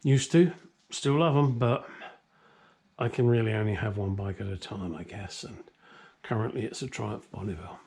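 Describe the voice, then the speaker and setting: In his home workshop, a middle-aged British man hosts a classic car vlog, rambling casually to camera with jokey, self-deprecating bluntness. His voice sits on the low side, a little mellow and husky, at a normal speed.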